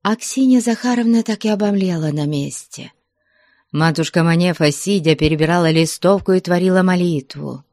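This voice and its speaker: A woman reading a classic novel aloud as audiobook narrator, measured and steady. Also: lowish voice, no room sound, clean studio sound. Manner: measured storytelling. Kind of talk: scripted narration.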